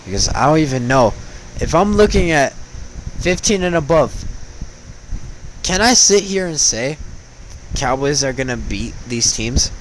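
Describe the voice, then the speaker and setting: A man's voice: medium pitch, expressive, measured pace, pauses often, a little hiss or hum, poor audio. A young man giving casual sports commentary, chatty and slangy, talking straight to the teams. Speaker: sports vlogger.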